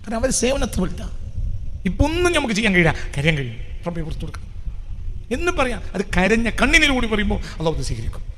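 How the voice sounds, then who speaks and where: A male Islamic preacher, giving a sermon. He swings between hushed lines and loud emphatic outbursts and keeps asking his listeners rhetorical questions. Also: high-pitched, sing-song, quick pace, in a large hall, a little hiss or hum. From Kerala, India.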